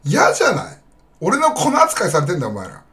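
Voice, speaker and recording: A man's voice: sits high, wildly swooping pitch, quick pace, heavy background noise. A man chatting casually on a live stream, rambling bluntly and talking straight to his viewers.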